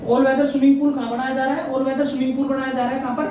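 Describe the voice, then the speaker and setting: A man's voice: very high-pitched, flat delivery, brisk, darkish tone. A man teaching an exam prep lesson, asking questions and answering them himself and repeating each fact. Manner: repeats facts, quizzes himself, frequent "theek hai na". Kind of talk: current affairs lesson. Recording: very echoey room, mic far off, faint noise.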